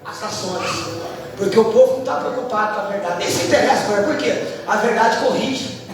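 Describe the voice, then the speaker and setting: A man from Brazil preaching a fervent sermon in a church, his voice climbing into high shouts. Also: a little fast, background noise. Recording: echoey hall, distant mic, music behind.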